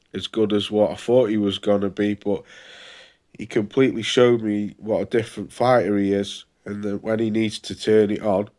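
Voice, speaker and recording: A man with a fairly low voice and a stuffy nasal tone, as if his nose were pinched. He talks casually as a boxing vlogger, informal and a little halting as he thinks aloud. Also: darkish tone. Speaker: boxing channel host. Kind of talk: casual fight preview vlog.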